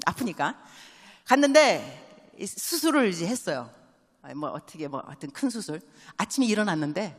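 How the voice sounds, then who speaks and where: This church sermon comes from a woman missionary whose voice sits in the mid range. Her storytelling is animated, sprinkled with English phrases and quick call-and-response questions for the congregation, all echoing with long reverb through a large sanctuary.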